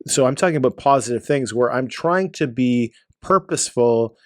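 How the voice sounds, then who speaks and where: A man's voice: medium pitch, expressive, no room sound. Forties guy on a chill podcast, earnest, keeps restarting, dry close sound. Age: 40s. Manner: earnest, halting, with many restarts. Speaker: podcast co-host. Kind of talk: casual podcast chat.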